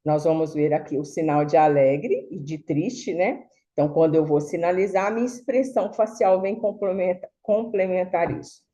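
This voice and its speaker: A woman's voice: low-pitched, dark tone. A woman teaching a sign language class, explaining patiently with many fillers and tag questions. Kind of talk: online lecture.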